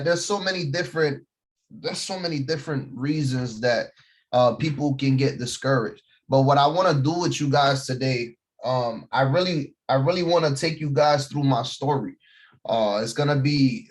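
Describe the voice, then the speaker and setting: A man, a company vice president, giving a casual motivational talk to his team about where he grew up, with many fillers and repeated words. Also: medium pitch. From born in Puerto Rico, raised in East Harlem, New York City. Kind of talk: motivational talk on a video call.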